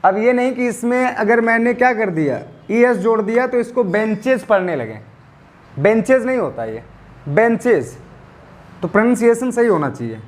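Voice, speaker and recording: A man teaches English grammar in a high-pitched voice. He spells endings out letter by letter and slows down on them. He keeps asking the class questions and answering them himself. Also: lively intonation. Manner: spells out letters slowly, stresses pronunciation. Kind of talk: classroom lecture.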